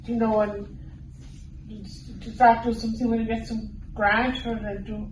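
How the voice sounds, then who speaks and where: A woman's voice: a little high, little pitch movement, moderate pace. A woman with a west of Ireland accent answering informally in an interview, often repeating herself. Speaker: campaign interviewee. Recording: echoey room, distant mic, faint noise.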